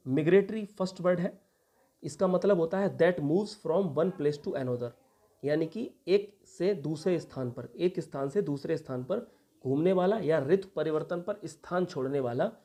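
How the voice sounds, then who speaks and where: Patient male teacher with a mellow voice. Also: fairly high pitch. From India. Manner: patient, repeats each meaning and spells words out. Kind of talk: exam vocabulary lesson.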